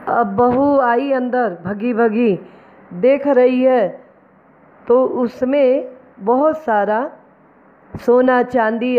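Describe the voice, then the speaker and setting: Slow, high-voiced woman storyteller. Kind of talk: devotional folk tale narration. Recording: tinny phone-like recording.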